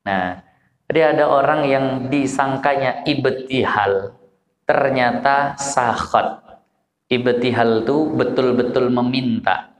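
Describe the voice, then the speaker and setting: A man with a Medan Malay accent preaches in a loose, storytelling way at a village study gathering. His delivery is animated, and he drops into low voices as he acts out the people in his stories. His voice rings through an echoey hall with a long tail of reverb. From Medan, Indonesia. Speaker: Islamic preacher. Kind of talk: informal religious lecture.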